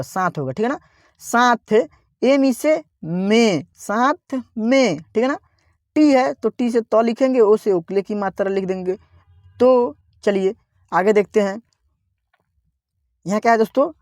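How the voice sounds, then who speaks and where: A man's voice: sits high, a little mellow, dry recording. Dry-voiced man drilling spelling. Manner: drills each word, repeatedly asks the viewers to repeat; teaches word by word, repeating each word. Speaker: online English reading teacher. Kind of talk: slow spelling-out lesson.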